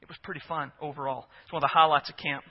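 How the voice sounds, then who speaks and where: A man's voice: a little high, steady tone, racing, slightly rough, dull audio. A man preaching a sermon as pastor, earnest and emphatic, often asking his listeners rhetorical questions.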